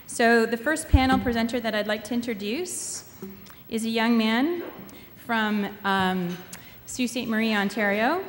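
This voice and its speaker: Woman host, higher pitch, formal halting introduction, reverberant hall, background noise. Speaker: event host introducing panel speakers. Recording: echoey hall, noisy background.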